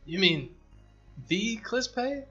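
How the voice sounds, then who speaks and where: A man's voice: fairly high pitch, steady tone, moderate pace, bright, forceful tone, highs cut off, soft background music. A man voicing the hero's curious young son, who asks questions. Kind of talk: reading game dialogue aloud.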